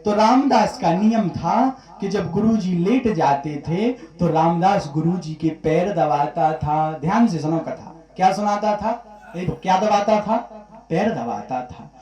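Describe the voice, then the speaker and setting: Man, devotional storytelling sermon, high voice, repeats phrases, echoey hall. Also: expressive, a little slow, dark tone. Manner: repeats phrases, quizzes audience. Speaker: Bhagavat katha preacher.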